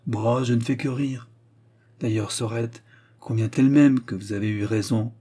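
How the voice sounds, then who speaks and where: A man voicing a proud, talkative forest warden, bright and eager in the reading of a novel. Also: mid-range voice, steady tone, normal speed, close to an everyday voice. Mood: chatty.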